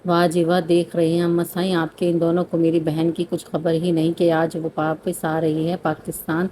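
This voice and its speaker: A woman's voice: lowish voice, monotone, background noise, close to an everyday voice. Woman reading as a cheeky teasing young woman. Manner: teasing, playful.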